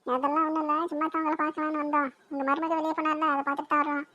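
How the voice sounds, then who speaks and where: A woman's voice: high voice, level tone, racing, pushed and bright. A woman voicing a fussy, scolding elderly grandmother in a cartoon. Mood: chatty. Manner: scolding, grumbling. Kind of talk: cartoon voice acting.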